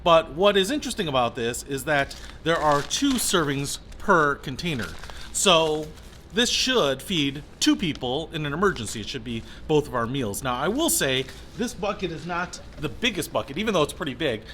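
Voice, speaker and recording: A man's voice: fairly high pitch, big pitch swings, moderate pace, sharp tone, slight background noise. A man giving a casual, conversational product review, explaining things step by step as he demonstrates them to camera.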